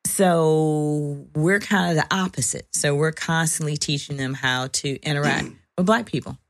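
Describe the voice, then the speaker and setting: A woman with a deep voice speaks casually as a panelist. She pauses to think aloud and acts out the things people say. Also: creaky. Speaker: panelist, parent.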